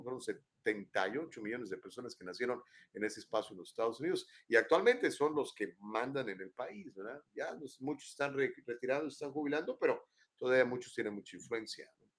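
Older mexican guy hosting a live show from home, rambly chatty talk, lots of tag questions. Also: mid-range voice. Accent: Mexican Spanish. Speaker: host. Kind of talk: casual live-show chat. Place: his home.

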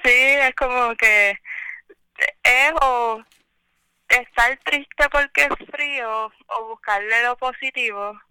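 Bright, crisp young woman speaking Spanglish. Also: on the high side, slow pace, no echo. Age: young adult. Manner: Spanglish, dropping English words into Spanish. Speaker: podcast guest. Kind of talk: casual chat. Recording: voice over a phone line.

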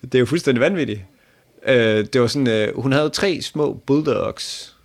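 A man co-hosting a podcast, chatting casually with a friend, swearing and laughing often. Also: medium pitch. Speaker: podcast co-host. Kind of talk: casual chat.

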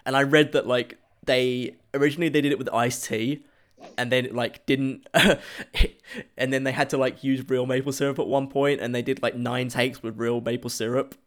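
Man, casual podcast co-host, mid-pitched, laughs through his retelling of a movie. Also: flat delivery, fairly bright tone. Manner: laughs often while retelling scenes, halting restarts. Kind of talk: casual chat.

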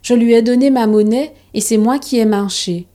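A woman's voice: a little high, steady tone, moderate pace, warm tone, pitched above the performer's own voice, lightly acted. A woman voicing a young schoolboy who is kind and earnest, in a storybook reading.

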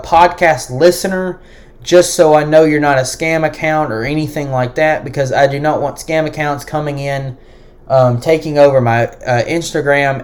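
With a fairly high pitch and a darkish tone, a man runs his own sports podcast solo. He sounds hesitant, relying on many fillers and restarts.

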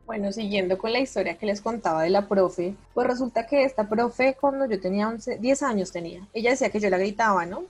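A woman's voice: medium pitch, brisk, few pauses, breathy edge, faint music behind. A woman telling a childhood anecdote in casual chat, acting out quotes.

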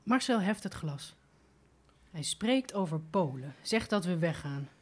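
A woman giving a calm, measured first-person dramatic reading of a play text. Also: on the low side. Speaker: reader in a radio play reading.

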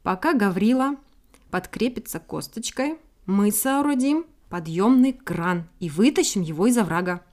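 A woman's voice: medium pitch, expressive, moderate pace, a little mellow, natural voice. A woman voicing a kind, brave and clever male guard dog in a storybook reading, with a soothing, folksy manner. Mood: resolute. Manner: soothing, good-natured, folksy.

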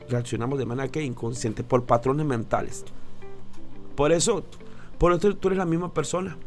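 A man's voice: a little high, fairly bright tone. A man giving a motivational talk on emotions, emphatic and repeating phrases for effect. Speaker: speaker on emotions.

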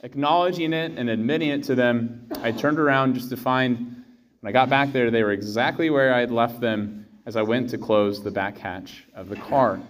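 American guy in his 30s, priest doing a gospel reading and homily, measured phrasing, bit of noise in the church. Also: medium pitch. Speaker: priest preaching. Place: indoors, in a church.

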